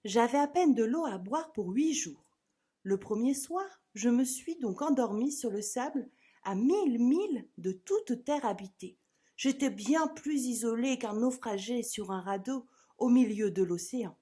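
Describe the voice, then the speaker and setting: A woman with a fairly high, husky voice narrates a storybook. Her reading is theatrical and dramatic, leaning hard on phrases like a stage performer. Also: lively intonation, unhurried, dark tone.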